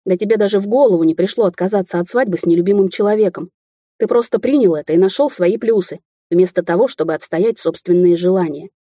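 A woman's voice: mid-range voice, quick pace, warm tone, no room sound, clean studio sound, natural voice. A woman voicing a fiery young woman who argues in a heated, accusing way.

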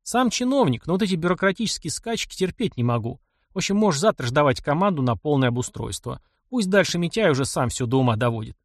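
A tired, wry captain who teases in a dry way, as a man reads him. The voice sits a little high and lively, with no room sound. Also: quick pace, no echo. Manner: dry, mocking. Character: weary, wry middle-aged male captain.

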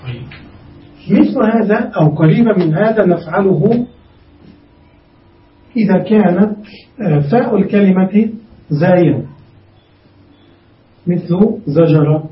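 High-voiced man teaching grammar, distant echoey room. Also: lively intonation. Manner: slow, deliberate, spells out word forms step by step. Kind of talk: classroom grammar lesson. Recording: muffled, echoey classroom recorded from afar.

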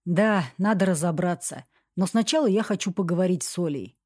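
Woman doing a serious young guy, mellow dark voice, dry. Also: lowish voice, fairly quick, dry recording, close to an everyday voice. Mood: earnest. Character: earnest, troubled young man.

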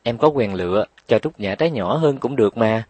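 A man voicing a kind boy who gently coaxes and soothes a younger girl. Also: mid-range voice, lively intonation, a little fast, no room sound, lightly acted. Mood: coaxing. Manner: coaxing, gentle pleading. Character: kind older boy soothing little girls.

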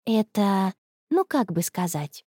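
A woman voicing a cheerful, secretive young schoolgirl in a lively, playful manner. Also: mid-range voice, slow pace, breathy edge, dry recording, clean studio sound, heavily acted.

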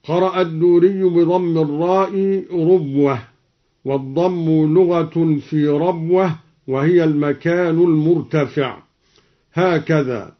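A man explaining variant Quran readings and then demonstrating each one in drawn-out, melodic recitation, from an archive radio recording. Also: on the high side, fairly even intonation, dull audio.

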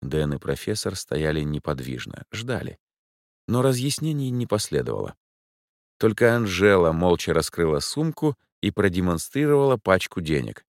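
A man reading an audiobook as narrator, in an expressive storytelling manner. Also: deep voice, moderate pace, dry recording, studio quality. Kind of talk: scripted narration.

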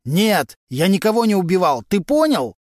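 A man voicing a desperate middle-aged male murder suspect who pleads and yells in panic. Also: fairly high pitch, very animated, moderate pace, no room sound, clean studio sound, pitched above the performer's own voice. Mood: yelling. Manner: pleading, then yelling in panic.

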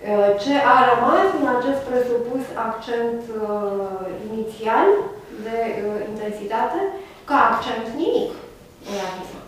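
A woman giving a university lecture, hesitating with many filler sounds. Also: a little high. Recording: echoey room, far from mic, faint noise.

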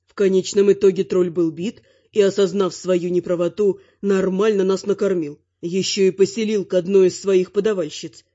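A woman narrates a comic fantasy audiobook with a wry, ironic touch, in a middling pitch. The sound is dull and lo-fi. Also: steady tone, moderate pace, hardly any pauses, mellow. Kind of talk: first-person fantasy narration. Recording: muffled lo-fi recording.

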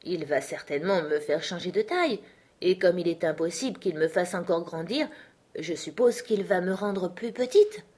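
A woman voicing a curious, bold young girl in a storybook, musing aloud in a husky voice. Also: lowish voice, lively intonation, normal speed, a little mellow.

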